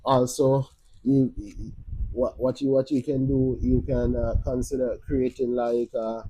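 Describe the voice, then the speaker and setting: On a low-quality recording with slight background noise, a livestream host with a Jamaican accent rambles casually through his advice, repeatedly restarting and leaning on "uh" and "you know." He speaks at a measured pace in a dark, medium-pitched voice with little pitch movement.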